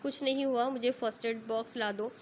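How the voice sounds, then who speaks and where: A woman's voice: on the high side, steady tone, a little fast, a little hiss or hum, lightly acted. A woman reading a storybook, voicing a cold, curt young man who brushes others off.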